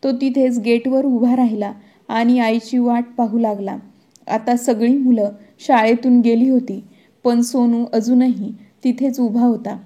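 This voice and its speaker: A woman tells a moral story in a scripted narration. Her voice sits a little high and stays flat and level, with a mellow, soft tone. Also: a little slow.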